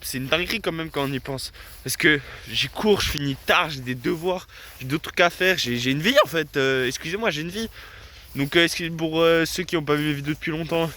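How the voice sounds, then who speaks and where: A late-teen vlogger chats casually with his viewers, laughing often and poking fun at himself. His fairly high voice is bright and forceful, with slight background noise.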